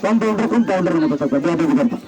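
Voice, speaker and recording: Man acting high-pitched, bossy village dentist. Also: animated, racing. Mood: scolding. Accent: rural Bangladeshi. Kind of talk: live village comic stage play. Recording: outdoor stage with noisy crowd.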